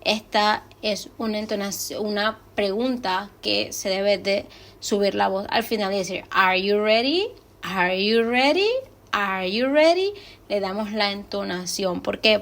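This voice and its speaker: A woman's voice: medium pitch, gravelly. A woman with a Latin American Spanish accent teaching an online English lesson, explaining patiently and repeating example phrases.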